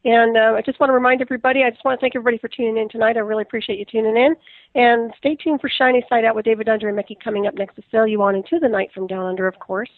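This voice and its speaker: A woman hosting a radio talk show, briskly thanking her guest and wrapping up the hour with an encouraging manner. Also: a little high, fairly even intonation, dry recording. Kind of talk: radio show interview and sign-off. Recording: tinny phone line.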